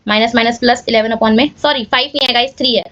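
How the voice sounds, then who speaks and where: High-pitched lady explaining maths problems, chatty, keeps asking clear?, muffled dry audio. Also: steady tone, fast, fairly bright tone, no echo. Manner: casual, addresses viewers as guys, checks with "clear?". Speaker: maths teacher. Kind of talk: step-by-step maths lesson.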